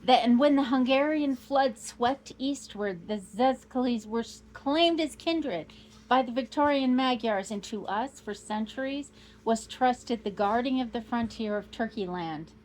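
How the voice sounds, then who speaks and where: A woman reading aloud as a proud, boastful old male count, declaiming grandly and rising to loud outbursts. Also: on the high side, a little slow, lightly acted, rough recording.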